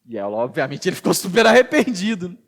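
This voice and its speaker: A man with a Brazilian Portuguese accent preaching a sermon as pastor in a church, emphatic, moving between hushed and loud passages. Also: high-pitched, big pitch swings, fast talker.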